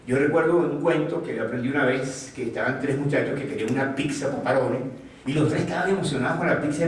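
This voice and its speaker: Man giving an animated talk in an echoey room. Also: fairly high pitch, slight background noise. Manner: animated, asks the audience questions, acts out quotes. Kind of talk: motivational talk to an audience. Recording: distant mic in an echoey room.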